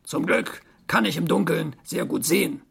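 Storybook tiger, reader voicing: sure of himself, raised, slow, husky. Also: mid-range voice, lively intonation, heavily acted. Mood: bossy. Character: confident zoo tiger who knows the way.

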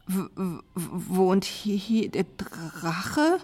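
A woman reading a children's story and voicing a boastful, cowardly young knight who shouts and stammers. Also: mid-range voice, slow pace. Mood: frightened.

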